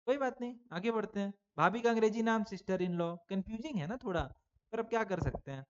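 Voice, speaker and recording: A man's voice: high-pitched, a little fast, lo-fi sound, background noise. A male teacher giving an online exam-prep lesson to children, talking casually, calling the pupils "beta", and asking questions that he answers himself. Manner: asks students questions and answers them himself; chatty, addresses pupils as "beta".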